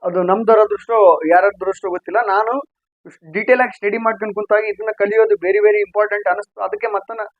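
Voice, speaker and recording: A man's voice: high voice, level tone, fast, no room sound, phone-quality sound. A man teaching English grammar sounds, repeating points and asking and answering his own questions. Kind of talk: explaining a lesson to viewers.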